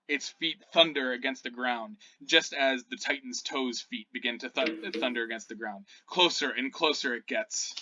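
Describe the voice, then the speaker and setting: A man's voice: mid-range voice, normal speed, few pauses, sharp tone. A man running a tabletop game as dungeon master, narrating vividly with sound effects. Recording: dull lo-fi sound.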